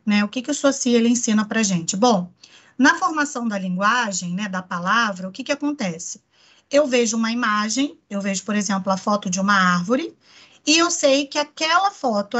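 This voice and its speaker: A woman's voice: on the high side, a bit bright. A woman with a Brazilian accent, giving a psychoanalysis lecture in an explanatory way, often checking in with the listener. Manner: explanatory, frequent tag questions "né". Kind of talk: online lecture.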